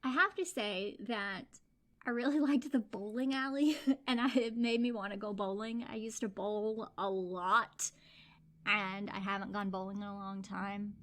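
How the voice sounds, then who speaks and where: A woman co-hosting a book podcast in casual chat, lively and quick to laugh as she acts out bits of the story. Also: mid-range voice. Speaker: podcast co-host.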